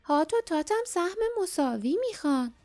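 A woman voicing two tiny squabbling monster siblings in a shrill, whiny voice. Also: lively intonation, a little mellow.

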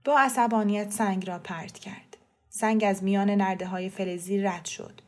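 Brief: woman storyteller, even mid pitch, quiet measured audiobook reading. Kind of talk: scripted audiobook narration.

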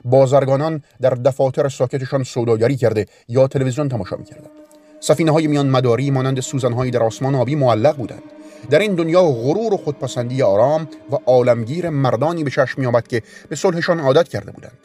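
A man reading a story aloud in a calm, measured way. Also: mid-range voice. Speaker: narrator. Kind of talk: audiobook narration. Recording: narration with faint music bed.

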